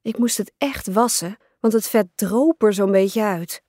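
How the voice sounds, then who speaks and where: A woman narrating a teen diary story in the first person, expressive and dramatic. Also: medium pitch, a little slow, dry recording, studio quality. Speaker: audiobook narrator.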